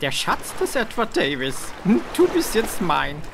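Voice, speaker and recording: A man's voice: sits high, wildly swooping pitch, measured pace, creaky, in a large hall, noisy background, exaggerated voice. A man playing a greedy, smug villainous major in a fan film, mock-polite and theatrical. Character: smug, greedy male rival treasure hunter, villainous major. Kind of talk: amateur film dub acting.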